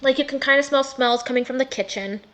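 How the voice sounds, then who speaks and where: A woman's voice: high voice, fast, a bit bright. Valley-girl woman running the game. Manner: valley-girl talk, lots of likes. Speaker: game master. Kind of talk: running a tabletop game online.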